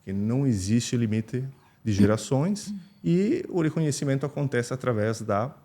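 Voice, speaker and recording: A man's voice: mid-range voice, lively intonation, moderate pace, mellow. Italian man explaining at length. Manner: explanatory, many fillers and restarts. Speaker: company founder, guest. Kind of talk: interview answers.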